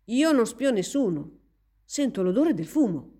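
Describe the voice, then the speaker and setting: A woman's voice: on the high side, big pitch swings, a little slow, warm tone, slightly rough, exaggerated voice. A woman voicing a stern, protective middle-aged father who scolds with a raised voice. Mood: scolding.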